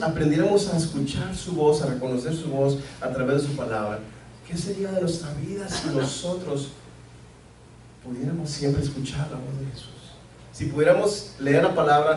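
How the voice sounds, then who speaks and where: Here a pastor from Mexico preaches earnestly, returning to key phrases again and again for emphasis. His voice is a little high with a darkish tone. The recording, made at a distance in a reverberant church sanctuary, carries slight hiss or hum.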